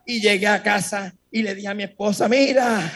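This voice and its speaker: Man, slightly high voice, gravelly, lively storyteller, religious testimony. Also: fairly quick. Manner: lively storyteller, addresses listeners directly. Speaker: churchgoer giving a testimony.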